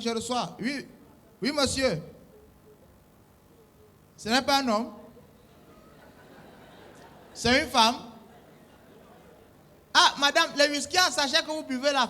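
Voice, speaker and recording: A young man with a strikingly high voice performs a comic sketch as a bossy phone operator. He scolds and soothes imaginary callers by turns, in a mock-official tone. His tone is bright and cutting. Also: a little slow, long pauses. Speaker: comedian. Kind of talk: comic one-sided phone-call sketch.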